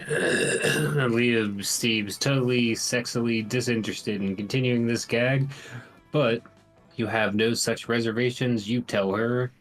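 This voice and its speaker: A man's voice: mid-range voice, steady tone, slow pace, a bit bright, faint music behind, low-quality recording. A man casually reading out visual novel narration with offhand asides. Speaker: narrator reading game text.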